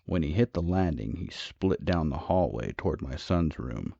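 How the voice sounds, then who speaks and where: A man narrating a horror story in a measured, dramatic way. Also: a bass voice, animated, gravelly, mellow, breathy edge, dry recording. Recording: dull, dry, lo-fi.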